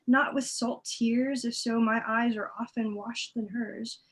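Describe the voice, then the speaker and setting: A lovesick young woman, read by a woman, pleading and mocking herself by turns. Her voice sits high throughout this amateur Shakespeare read-through. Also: fairly even intonation, a little slow, slight background noise, lightly acted. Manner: pleading, self-mocking, breaks into laughs. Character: forlorn young woman Helena, lovesick and wounded.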